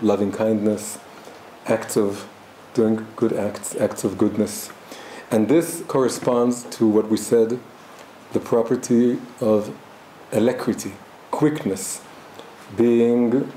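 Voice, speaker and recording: A very dark, mellow voice on the low side belongs to a man teaching a reflective class, Hebrew being his first language. His speech is halting, full of restarts as he thinks aloud, and the room sounds echoey with a faint hum behind him.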